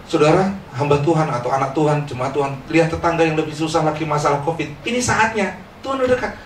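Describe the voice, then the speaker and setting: Middle-aged guy preaching in church, kinda high voice, jokey and lively, mic far off, echoey hall. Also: quick pace, a little hiss or hum. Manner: lively and joking, calls for amens. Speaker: pastor. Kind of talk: sermon.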